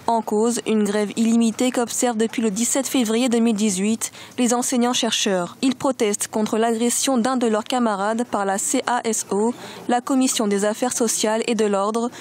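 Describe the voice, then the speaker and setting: A woman voicing a television news report, reading in a clear, steady narration. Her voice sits a little high for a woman. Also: slight background noise. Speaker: news correspondent. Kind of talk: scripted voice-over report.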